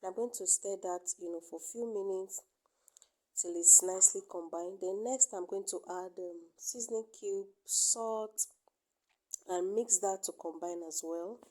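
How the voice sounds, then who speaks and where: A woman's voice: mid-range voice, unhurried, warm tone, poor audio. A woman who has a cold, talking through a cooking tutorial in voice-over and often checking in with "okay?". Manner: tag "okay?" at the end of steps, many fillers. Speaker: cooking channel host.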